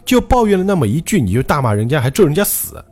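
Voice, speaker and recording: A man voicing an angry hospital supervisor in a spoken ghost story, loud and scolding. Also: on the high side, very animated, quick pace, faint music behind, voice pushed up. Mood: furious. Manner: yelling, scolding. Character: furious hospital supervisor, bossy.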